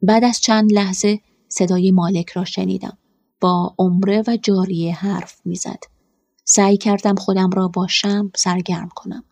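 A woman narrating a first-person story in a quiet, measured way. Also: medium pitch, little pitch movement, vocal fry, dry recording.

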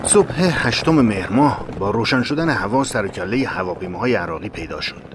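A man narrating a war memoir in a measured, dramatic reading. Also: lowish voice, a little hiss or hum.

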